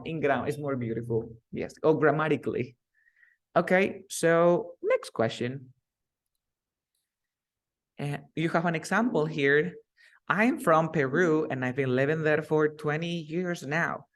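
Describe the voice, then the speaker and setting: A man teaching an online English class over a video call, explaining slowly and repeating key words. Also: on the high side.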